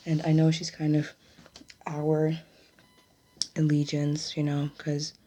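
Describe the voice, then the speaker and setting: Low, hushed woman in secretive ASMR role-play. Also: vocal fry, slightly rough. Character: gossipy, bookish young witch student at a magic school.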